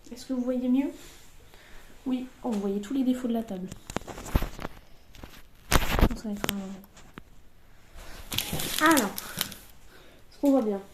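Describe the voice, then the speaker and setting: A young woman streaming from a table at home, chatting casually while opening card packs and slipping into halting English. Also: fairly high pitch, noisy background. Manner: chatty, thinking aloud, switching into halting English.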